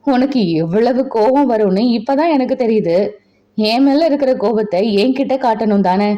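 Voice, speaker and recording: A woman's voice: fairly high pitch, moderate pace, natural voice. A woman voicing a young husband in an audio novel, who coaxes his wife and then pleads with her desperately. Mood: scolding. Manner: coaxing, then desperate and insistent. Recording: dull lo-fi recording.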